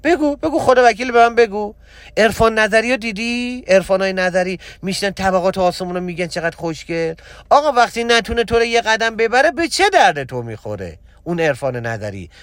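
Emphatic, lively-voiced religious teacher. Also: male voice, no echo. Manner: emphatic, repetitive, swings between loud exhortation and low confiding tone. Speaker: spiritual teacher. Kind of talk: religious motivational talk.

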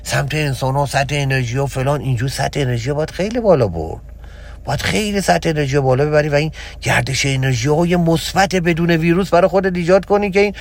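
A man delivers a religious motivational talk in the role of a spiritual teacher, repeating his points for emphasis and alternating between loud urging and quiet, confiding moments.

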